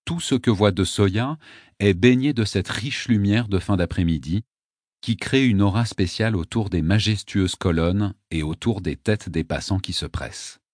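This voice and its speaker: A man reading a novel aloud as an audiobook narrator, in a measured, even way. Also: lowish voice, no room sound, clean studio sound. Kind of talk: scripted narration.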